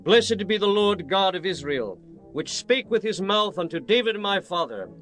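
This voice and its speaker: A man's voice: high voice, animated, moderate pace, a bit bright. An actor playing a reverent king in a dramatized scripture reading, solemn and declamatory as he addresses God and his people. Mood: proud, reverent. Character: King Solomon, reverent male monarch praying and blessing. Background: music.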